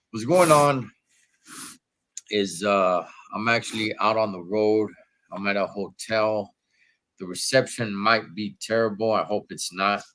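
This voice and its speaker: Fairly low-pitched yet fairly bright in tone, a stuffy-nosed man with allergies streams casual wrestling talk from a hotel room. He's laid-back and slangy, greeting viewers as "dog" and "Holmes."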